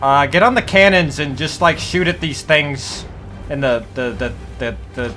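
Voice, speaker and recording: A man's voice: a little high, measured pace, pushed and bright, a little hiss or hum. A man hosting a gaming video, chatting casually and profanely, joking and slipping into pirate talk. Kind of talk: casual gameplay chat.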